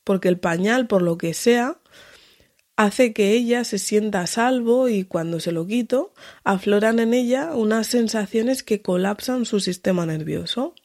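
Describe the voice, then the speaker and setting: A woman from tells a personal story as a podcast host. She narrates in an animated way and jumps to a higher voice whenever she acts out dialogue. Her voice sits at a middle pitch for a woman. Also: unhurried.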